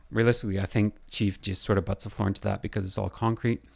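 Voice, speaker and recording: A building designer's software design tutorial comes out in a flat, low-pitched voice that's hoarse, scratchy and fading. He works through it aloud, with lots of pauses and fillers along the way.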